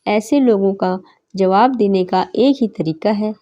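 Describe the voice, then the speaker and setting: A woman's voice: mid-range voice, a little slow, mellow. A woman teacher reading a lesson aloud to children and explaining it line by line, in a slightly dull recording. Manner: reads aloud and explains, with "देखिए" asides.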